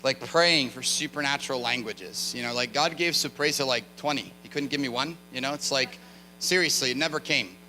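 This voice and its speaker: A man preaching a sermon as a guest speaker, telling a story in a casual, animated way with asides to the congregation. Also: medium pitch, brisk, big-room sound, a little hiss or hum, rough recording. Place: church sanctuary.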